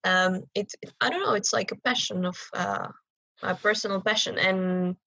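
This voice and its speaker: A woman's voice: medium pitch, normal speed, vocal fry, pushed and bright, no echo. A woman from Chile, a native Spanish speaker, talking English with a Chilean accent in a casual podcast chat as a musician guest.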